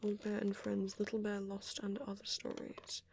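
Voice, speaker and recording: A man performs a soft, often whispered ASMR roleplay as a shy, gentle young vampire boyfriend, rambling hesitantly in a breathy, husky voice. His voice is high-pitched and monotone at a normal speed, with a little hiss or hum in the recording.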